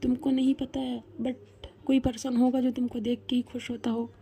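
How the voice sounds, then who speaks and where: A woman's voice: a little high, level tone, normal speed, gravelly, warm tone. A woman voicing a hurt young female professor who scolds with emotion. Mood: reproachful. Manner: reproachful, emotional.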